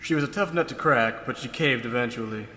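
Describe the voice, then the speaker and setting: A young man doing a deadpan noir private-eye narrator. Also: medium pitch, fairly quick, close to an everyday voice. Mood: world-weary. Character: world-weary male private eye narrating. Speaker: voice-over narrator. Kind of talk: hardboiled film noir narration parody. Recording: long reverb with loud music.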